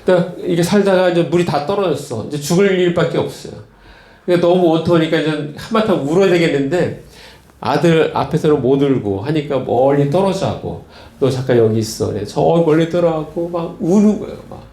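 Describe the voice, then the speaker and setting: Korean pastor preaching in a roomy church. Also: male voice, fairly high pitch, animated, fairly quick, warm tone. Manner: storytelling with many fillers and repeated words. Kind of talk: sermon.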